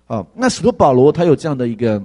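A man's voice: medium pitch, big pitch swings, fast talker, a little mellow. A man preaching a sermon, telling a story and asking the congregation rhetorical questions, with frequent fillers.

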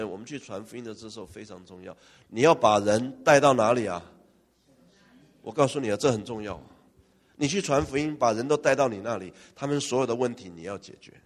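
A male pastor preaching a lively, humorous sermon and firing questions at his congregation. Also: mid-range voice. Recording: long church-hall reverb.

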